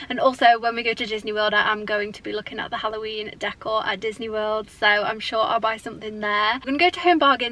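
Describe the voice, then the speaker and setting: A woman's voice: a little high, bright, forceful tone, poor audio. A young woman talking to a camera held at arm's length, chatting in a rambling, upbeat way from her home and her parked car. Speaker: vlogger. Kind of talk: casual vlog chat to camera.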